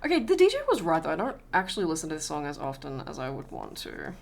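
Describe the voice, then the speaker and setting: A woman's voice: low voice, huge pitch swings, fast talker, vocal fry. An Australian woman chatting casually on a live stream while she draws, greeting viewers and swearing freely.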